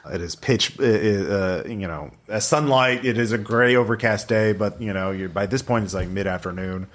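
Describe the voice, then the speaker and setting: A man narrating a tabletop role-playing game as game master, in a conversational, halting way that often repeats phrases. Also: on the low side, fairly bright tone.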